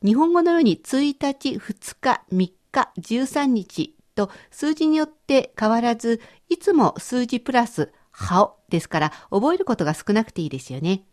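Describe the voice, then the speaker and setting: A woman teaches a radio language lesson in a bright, high voice that rises and falls a lot. She explains each point patiently and clearly. Her tone is friendly and instructive. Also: very animated, normal speed, hardly any pauses.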